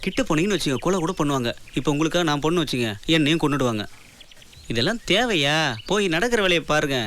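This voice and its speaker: A man's voice: fairly high pitch, expressive, quick pace, a bit bright. An actor playing a blunt man who warns someone to back off from dangerous powerful people. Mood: warning. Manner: blunt, warning.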